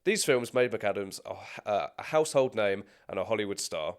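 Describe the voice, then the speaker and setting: Guy cohosting a movie podcast, lively up and down voice, stumbles and restarts a lot. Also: fairly low pitch, normal speed, clean tone. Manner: chatty, stumbling restarts, frequent laughter. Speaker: podcast co-host. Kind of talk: casual film podcast chat and scripted career rundown.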